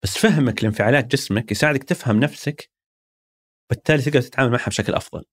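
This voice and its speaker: Speaking very fast at a medium pitch, the Saudi-accented interview guest, a former marketing executive, reflects thoughtfully in conversation and illustrates ideas with everyday examples. The recording is dry.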